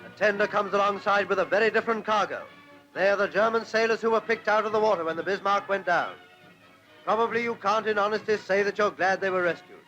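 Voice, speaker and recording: A man narrating an old wartime newsreel in a brisk, formal announcing manner, heard from an archive soundtrack. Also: high-pitched, sharp tone. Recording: dull lo-fi archive newsreel audio with music.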